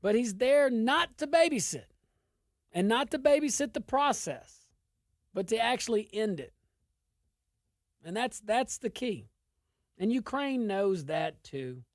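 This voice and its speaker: A woman's voice: on the high side, lively intonation, a little slow, pauses often, no room sound, clean studio sound. A woman with an Arkansas Southern accent giving informal political commentary, emphatic and repeating phrases for stress.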